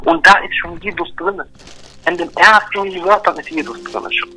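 Emphatic bright-voiced man explaining faith. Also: high voice, steady tone, normal speed, poor audio. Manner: emphatic, repetitive, checks in with "ja?" and "verstehst du?". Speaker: religious explainer. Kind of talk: earnest one-on-one religious explanation.

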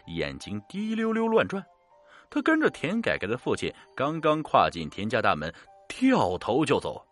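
A man narrating a horror story in a measured, dramatic way, slowing down for suspense. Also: mid-range voice, a bit bright.

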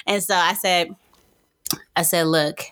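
A young woman in casual chat as co-host, telling a story with animated swings up into high squeals. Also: slow pace.

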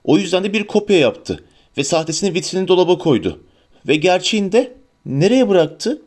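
A man voicing a clever, eager teenage girl who reasons quickly in an audiobook reading. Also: high voice, very animated, darkish tone, voice pushed up.

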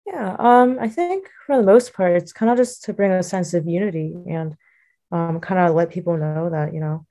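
A young adult American woman, a college student appearing as an interview guest, speaks with a warm, lowish voice at a moderate pace. Her answers are casual and reflective but hesitant and loosely phrased, packed with "like" and "you know."

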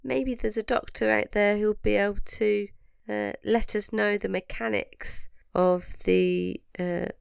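Croaky, froggy-voiced British woman. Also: mid-range voice, level tone, unhurried, dry recording, clean studio sound. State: croaky, with sniffs and coughs. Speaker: podcast co-host. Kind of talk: casual comic podcast chat.

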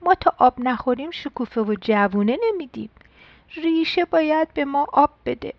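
A woman's voice: high-pitched, animated, no echo, lo-fi sound. A woman voicing grumpy sleepy tree branches. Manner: grumbling, dismissive.

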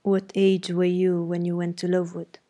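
A woman reading a curt, commanding gentleman. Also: on the low side, completely flat delivery, moderate pace, natural voice. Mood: brusque, commanding. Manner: curt, imperious, sardonic questioning. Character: brusque commanding gentleman, middle-aged master of the house. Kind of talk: audiobook character reading.

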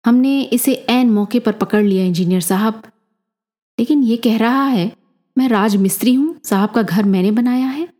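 A stern, brusque police inspector barks out scolding orders, as a woman narrator puts him on. The tone stays mellow and low-key, close to her storytelling voice. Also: moderate pace, lightly acted.

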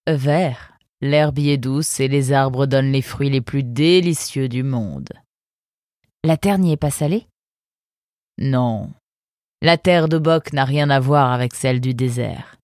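A woman voicing a tall thin man who speaks calmly and patiently, explaining things as if he knows them well. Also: rumbling low, slow, no room sound, studio quality. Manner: calm, knowing, patient. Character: tall thin calm man in a blue shirt.

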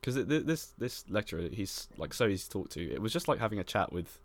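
A man's voice: fairly low pitch, big pitch swings, quick pace. A young man, a university student, co-hosting a podcast in a casual, rambling chat full of fillers and restarts. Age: young adult. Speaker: podcast co-host.

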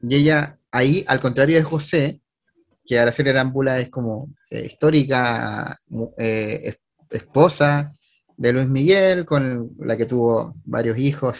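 A man's voice: medium pitch, vocal fry. Man, Chilean accent, podcast host, casual chat, analytical, restarts and fillers.

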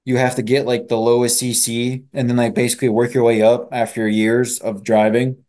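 A man's voice: medium pitch, level tone, brisk, darkish tone. A young man co-hosting a podcast, rambling casually with lots of fillers and swearing. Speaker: podcast co-host. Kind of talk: casual chat.

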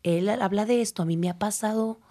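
A young woman with a Mexican accent talks about her craft as a dancer and teacher. She speaks in a reflective, animated way and slips into other people's words as she tells stories. The pitch sits in an ordinary middle range. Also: a little fast. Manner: reflective, animated, acts out quotes. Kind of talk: casual interview talk.

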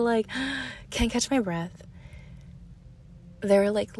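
A young woman telling a casual story on her podcast, chatty and full of "like", sometimes dropping to a soft whisper. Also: mid-range voice, vocal fry. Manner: chatty, heavy use of "like", drops to soft whispers. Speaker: podcast host.

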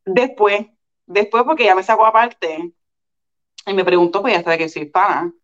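A woman telling her own story in a podcast interview, lively and full of restarts and repeated words. The sound is dull and lo-fi. Her pitch sits in the middle for a woman. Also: moderate pace. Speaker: guest.

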